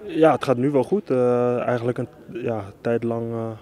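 A man's voice: medium pitch, steady tone, normal speed, mellow. A young man, a footballer, answering interview questions hesitantly with many fillers.

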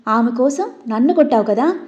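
Storybook role: woman reading as an angry young man, raised voice, high-pitched, muffled recording. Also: lively intonation, brisk. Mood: furious. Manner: shouting, louder than narration. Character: furious young man, grieving, hot-headed. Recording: dull lo-fi recording.

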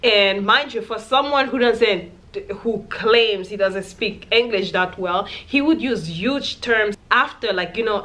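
A young woman vlogger tells a candid, chatty storytime to camera in a small room, casually dropping lots of "like" and "you know." Her voice is mid-range and a bit bright.

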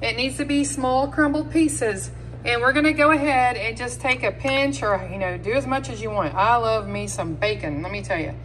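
A woman's voice: a little high, moderate pace, a bit bright, a little hiss or hum, rough recording. A woman giving chatty step-by-step cooking instructions in her home kitchen, talking straight to her viewers. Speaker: home cooking channel host. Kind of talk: casual cooking demonstration.

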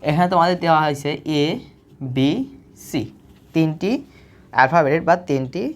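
A woman with a deep, low-set voice works through a recorded math lesson. She talks patiently and repeats herself, firing questions at her students and answering them herself. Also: moderate pace. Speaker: math teacher.

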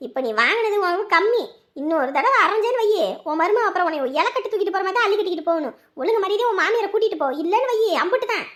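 A fierce elderly aunt, loud and scolding, very high voice, family drama. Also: female voice, expressive, racing. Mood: threatening. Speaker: protective aunt. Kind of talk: Tamil family drama acting.

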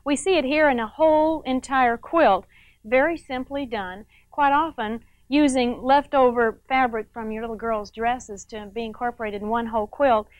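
A middle-aged woman with a fairly high voice demonstrates quilting step by step on a TV show, speaking at normal speed in a chatty manner full of tag questions to the viewer. There is no echo, and the sound is lo-fi.

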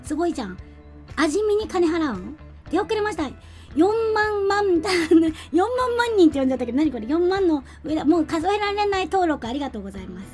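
High-voiced chatty woman streamer. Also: very animated, quick pace, darkish tone, faint music behind. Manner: chatty, giggly, reads out and thanks viewers. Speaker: game streamer. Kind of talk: casual live-stream chat.

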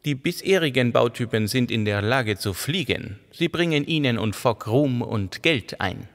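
A man voicing a calm, sharp-minded woman investigator in an audiobook, asking questions in a measured way. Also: medium pitch, big-room sound, close to an everyday voice. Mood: cool.

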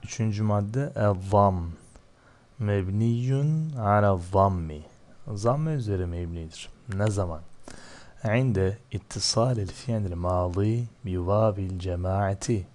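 A man teaching Arabic grammar, asking and answering his own questions, slowing down over each term. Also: lowish voice, mellow. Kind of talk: grammar lesson, explaining line by line.

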